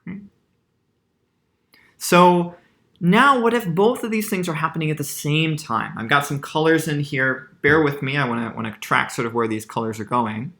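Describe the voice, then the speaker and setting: A man's voice: a little high, normal speed, vocal fry, pushed and bright. A man teaching calculus in a casual lecture, talking through slides and often checking in with the listener. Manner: conversational, checks in with frequent "right?", restarts mid-phrase. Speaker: math teacher.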